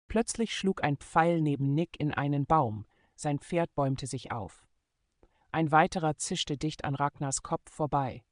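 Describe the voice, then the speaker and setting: A man reading a German adventure novel aloud in steady, measured scripted narration. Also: on the high side, no room sound, clean studio sound. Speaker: audiobook narrator.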